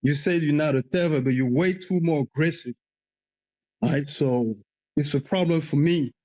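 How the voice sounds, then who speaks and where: Fifty-something guy from ivory coast, blunt and argumentative, voice sits a bit high. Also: moderate pace, a little mellow, poor audio. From Ivory Coast, West Africa. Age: 50s. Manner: argumentative, blunt, slightly broken phrasing. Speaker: caller. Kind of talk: heated live audio chat.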